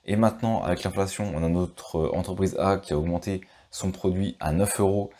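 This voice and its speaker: French male finance vlogger, low and mellow voice, loose unscripted delivery full of hesitations. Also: moderate pace. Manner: thinks aloud with frequent fillers and restarts. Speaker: stock market youtuber. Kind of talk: casual explainer commentary.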